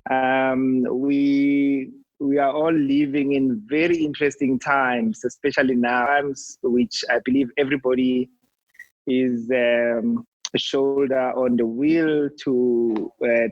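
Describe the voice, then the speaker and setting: A man from South Africa speaks earnestly, pausing and restarting as he goes. His audio is dry and dull, with no room sound. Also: medium pitch, no echo. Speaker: guest, accountant.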